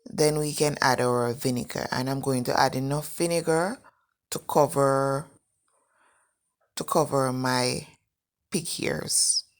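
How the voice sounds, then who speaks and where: A woman with a morning voice narrating a recipe step by step in a measured, instructing way as the host of a home cooking video. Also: extremely low pitch. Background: faint music.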